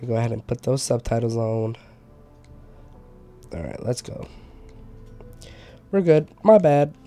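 A man's voice: mid-range voice, animated, unhurried, mellow, soft background music. A man with a stuffy, sick voice giving casual let's-play commentary while he plays a game. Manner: chatty, thinks aloud while playing. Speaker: game streamer.

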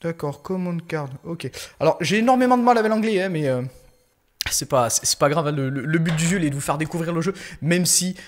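A gaming YouTuber with a rather high voice gives casual, brisk gameplay commentary. He hesitates, using many fillers and restarts, then bursts into excited outbursts.

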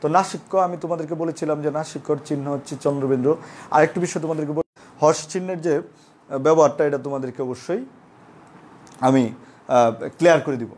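A male teacher with a Bangladeshi Bengali accent gives a live online class, explaining slowly and repeating examples for his students. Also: on the high side, a little mellow, slight background noise. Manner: patient, repetitive explaining, addresses students as friends.

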